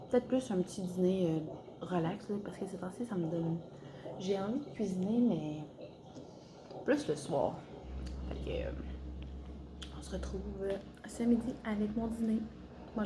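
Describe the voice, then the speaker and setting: A young vlogger with a Québécois French accent chats casually while cooking in her home kitchen, rambling and using lots of fillers as she narrates. Her voice is mellow and fairly low, with slight background noise.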